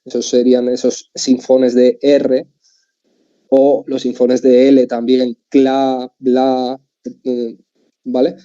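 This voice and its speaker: Spanish man, speech therapist, low mellow voice, explains patiently and checks in with listeners, muffled lo-fi sound. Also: level tone, slow. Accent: Spain Spanish. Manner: explanatory, often checks in with a tag question. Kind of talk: talk for parents. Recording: dull muffled lo-fi audio.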